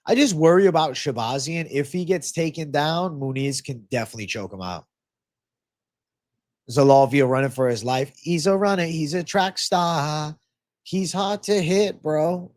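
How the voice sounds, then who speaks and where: This livestream host, a man whose nose sounds stuffed up, answers viewer questions about fight betting. His voice is a little high and darkish, moving at normal speed, as he reads the comments in a loose, slang-heavy style with plenty of cursing.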